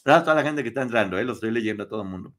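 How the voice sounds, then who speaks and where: A man's voice: medium pitch, animated, racing, a bit bright. A man with a Mexican accent, hosting a live stream and giving a casual, gossipy, mocking book review. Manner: gossipy and mocking, acts out quotes in playful voices.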